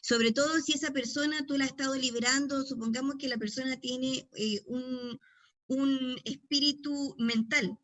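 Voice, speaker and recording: A woman's voice: high-pitched, fairly even intonation, moderate pace, a bit bright, dry recording. A middle-aged woman pastor with a Chilean accent, teaching a deliverance session in a conversational storytelling way with frequent tag questions.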